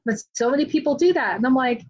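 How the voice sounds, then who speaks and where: A woman author being interviewed, talking in a chatty, animated way with many "like" fillers. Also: high voice, quick pace, lo-fi sound. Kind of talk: casual interview chat.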